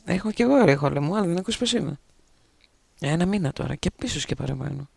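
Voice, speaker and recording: A male radio host with a gravelly, somewhat high voice chats in an easygoing, teasing way. He stumbles over words and hesitates often. He sounds close and dry, as if in a small studio. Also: lively intonation, darkish tone, no room sound. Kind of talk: casual on-air chat.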